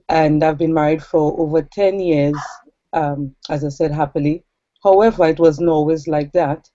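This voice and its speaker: A woman in her forties from Trinidad sits as an interview guest, earnestly sharing her personal story with reflective pauses and fillers. Her voice is deep and dark, with no room sound, and the recording has a dull lo-fi quality.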